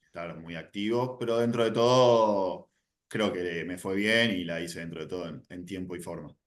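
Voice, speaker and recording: A man in his twenties with an Argentine accent, a nutritionist guest explaining his views in a relaxed way with many fillers. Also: low voice, moderate pace. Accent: Rioplatense Spanish. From Buenos Aires, Argentina. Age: 20s. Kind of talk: sit-down interview.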